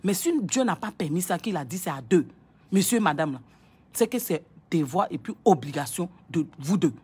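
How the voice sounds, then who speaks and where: A woman's voice: fairly low pitch, animated, normal speed, a little mellow, slightly rough. A young woman scolds her listeners in a casual, impassioned monologue, repeating herself and stammering over words. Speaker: online commentator.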